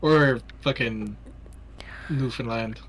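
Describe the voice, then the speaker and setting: A man's voice: mid-range voice, takes it slowly. A young man from Canada chatting casually while playing a game, joking, swearing freely and laughing at his own stories. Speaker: streamer. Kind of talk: casual gaming chat.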